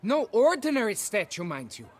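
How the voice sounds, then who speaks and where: A man's voice: high voice, very animated, normal speed. A male actor playing a self-important, florid exhibition keeper in a video game, with theatrical delivery. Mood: solemnly pompous.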